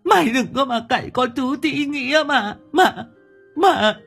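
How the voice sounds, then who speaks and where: A man voicing a loud, hysterical middle-aged mother who scolds and wails at a shriek. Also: lively intonation, normal speed, faint music behind, full character voice. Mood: tearful wailing. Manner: wailing, scolding at a high shriek.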